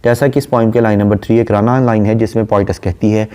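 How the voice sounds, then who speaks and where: A man, lecturing on a poem and explaining it line by line, reading the verse slowly. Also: on the low side, steady tone, warm tone. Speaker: literature lecturer.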